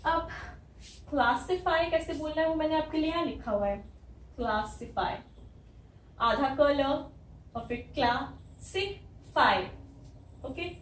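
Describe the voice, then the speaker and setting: A woman teacher giving a spoken language lesson, explaining slowly and spelling out each sound step by step. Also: sits high. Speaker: English teacher. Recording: echoey room, from some distance.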